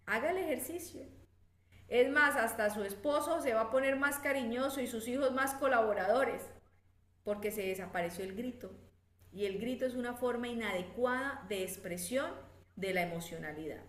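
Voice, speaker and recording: Woman speaker, higher pitch, animated church workshop talk with acted-out asides, echoey room. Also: normal speed. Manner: lively, acts out quoted voices, direct address to listeners. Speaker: psychologist giving a church women's workshop talk. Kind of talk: faith-based motivational talk.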